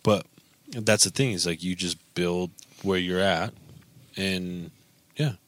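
A man's voice: sits low, slow pace. A man in his thirties chatting casually as a podcast co-host, in a slangy, profane, bro-like manner.

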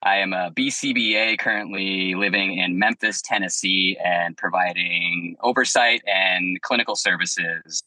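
A man from Minnesota, a behavior analyst, introducing himself in a brisk, lightly jokey way. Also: low-pitched, steady tone, pushed and bright, no room sound, low-quality recording. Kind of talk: self-introduction.

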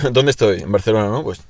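A man's voice: lowish voice, a little mellow. A young man with a Castilian Spanish accent in casual, slangy banter with friends.

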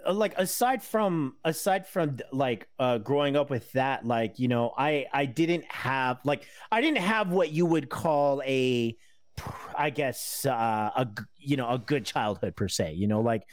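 A man's voice: medium pitch, expressive, unhurried, dry recording. A man in his thirties talks casually as a guest. He rambles, halts and circles back through plenty of fillers and restarts. His voice sits in an ordinary middle register, recorded dry and close. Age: 30s. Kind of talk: casual conversation.

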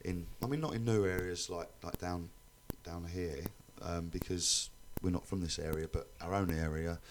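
Deep-voiced male radio guest, colloquial and rambling, faint noise behind him. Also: steady tone, moderate pace. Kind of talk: casual chat.

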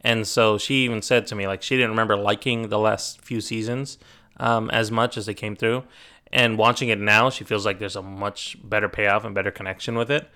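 Here the same kind of thirty-something host rambles through casual chat, often stopping to correct himself. He talks a little fast in a low, bright and forceful voice with fairly even intonation and a clean sound.

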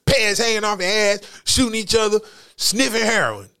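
Man doing a fussing old granny, shrill and loud, tut-tutting at the young folks. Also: normal speed, clear, resonant tone. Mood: scolding. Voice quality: high and shrill. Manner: disapproving, exaggerated. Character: scolding old grandmother complaining about kids.

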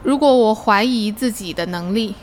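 A woman's voice: medium pitch, normal speed, slight background noise. A woman hosting a casual conversational discussion, asking questions and dropping English words into her Mandarin.

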